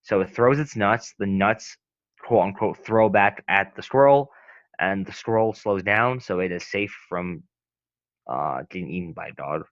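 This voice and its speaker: A young man with a deep voice tutors a physics lesson unhurriedly, in a casual, hesitant way that rambles with lots of fillers and restarts. He's a student tutor, and the recording has no room sound but a dull, lo-fi quality.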